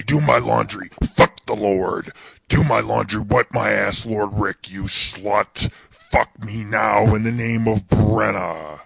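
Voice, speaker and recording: A performer voicing a possessed demon that taunts obscenely, in a demonic pitched-down voice, played from an earlier radio episode. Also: gravelly, slightly rough, no room sound, heavily acted.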